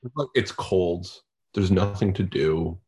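A man's voice: sits low, warm tone. A man chatting as a guest on a sports podcast, stumbling over words and joking dryly. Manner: halting, repeats words, dry humor. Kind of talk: casual sports chat.

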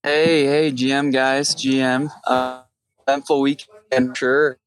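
A man's voice: mid-range voice, level tone, no echo, rough recording. A man joining a live audio chat as an invited guest, his speech choppy and cutting off mid-word, with robotic glitches from a bad connection. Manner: casual, halting, with repeated greetings. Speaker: guest speaker invited on stage. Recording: dry, glitchy online call audio.

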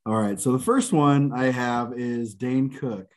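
A man hosting a casual chat over a video call, relaxed and trailing off with fillers. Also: mid-range voice, unhurried. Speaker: podcast host.

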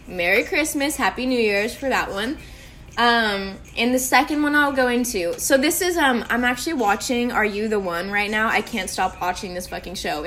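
A young woman from Oregon hosting a podcast, telling a story in a rambling, scattered, profane way while high. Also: fairly bright tone, a little hiss or hum. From Oregon, USA. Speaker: podcast host. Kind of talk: casual storytelling monologue.

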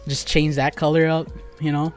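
A man's voice: on the high side, flat delivery, moderate pace, faint music behind. A young man chatting casually with friends on a podcast, rambling with lots of "like" and restarts. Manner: rambling, many likes and restarts. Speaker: podcast co-host. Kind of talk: casual chat among friends.

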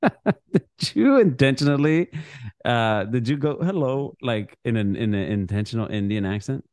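A man's voice: medium pitch, lively intonation, moderate pace, darkish tone, no room sound, studio quality. A man co-hosting a sports podcast in casual chat, rambling, often restarting his sentences and laughing. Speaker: podcast co-host.

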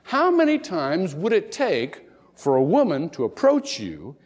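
A man's high, slightly mellow voice swings hugely in pitch as he preaches at an unhurried pace in a big-room setting. As pastor, he tells folksy jokes and stories, briefly taking on the voices of the people in them.

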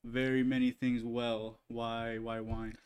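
A man's voice: medium pitch, completely flat delivery, takes it slowly, darkish tone, clear, resonant tone, no room sound. A man hosting a casual podcast interview, asking brief questions and giving short replies. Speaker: podcast host.

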